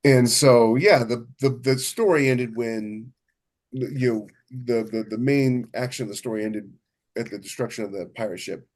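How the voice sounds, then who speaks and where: With a medium-pitched, darkish voice at a moderate pace, a man co-hosts a writing podcast as a novelist. He chats casually and emphatically about writing craft, frequently reworking his phrasing mid-thought.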